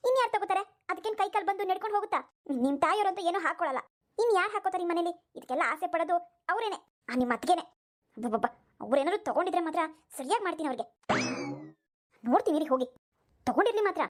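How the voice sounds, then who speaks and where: A woman's voice: extremely high pitch, lively intonation, very fast. A woman voicing a vain, quarrelsome young daughter-in-law in a cartoon. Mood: suspicious. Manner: accusing, indignant. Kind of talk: cartoon voice acting.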